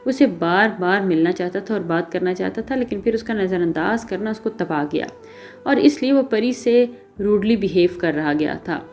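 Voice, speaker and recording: A woman narrating an episodic novel in a steady storytelling manner. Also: mid-range voice.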